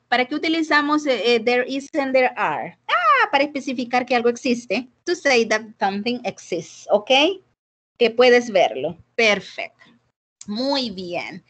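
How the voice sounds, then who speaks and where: Her pitch sits fairly high and sounds a bit bright. She's running an English lesson on a video call, alternating Spanish and English and putting questions to the class in her Salvadoran Spanish accent, all picked up by a computer mic.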